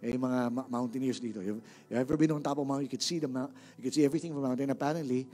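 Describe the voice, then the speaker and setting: A man's voice: medium pitch, steady tone, very fast, warm tone, faint music behind. A male pastor with a Filipino accent preaching a sermon in a church, emphatic, repeating words and calling on the congregation to answer back.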